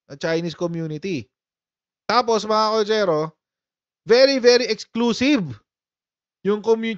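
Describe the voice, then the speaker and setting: Guy doing casual live-stream commentary, kinda high voice, dry dull lo-fi sound, laughs a lot. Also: clear, resonant tone, no room sound. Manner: chatty, laughs often, calls viewers "mga kotsero". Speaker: political commentary host.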